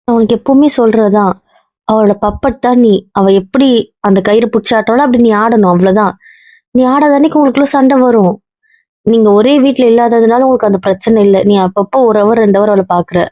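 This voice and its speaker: A woman's voice: a little high, a little fast, dry recording, natural voice. A young woman acting as a blunt married woman who lectures and comforts her heartbroken cousin, always asking if he understands. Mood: blunt teasing. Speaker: actor in a web drama. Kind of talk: web series drama acting. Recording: dull, muffled dry audio.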